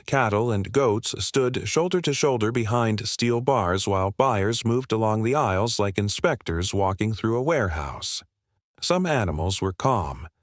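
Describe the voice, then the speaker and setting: A man reading a heartfelt animal story aloud in a measured, steady storytelling manner. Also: fairly low pitch, no echo, clean studio sound. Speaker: narrator. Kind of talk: scripted story narration.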